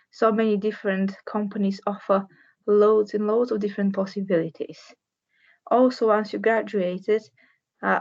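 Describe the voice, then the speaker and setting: Young woman from Bulgaria, structural engineer, career talk, flat even delivery, dull lo-fi sound. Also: medium pitch. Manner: earnest, plain, with restarts and searching for words.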